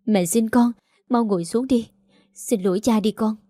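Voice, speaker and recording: A woman's voice: on the high side, moderate pace, no echo, clean studio sound, natural voice. Woman voicing a tearful, pleading mother. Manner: soft imploring. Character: gentle long-suffering mother, tearful, pleading.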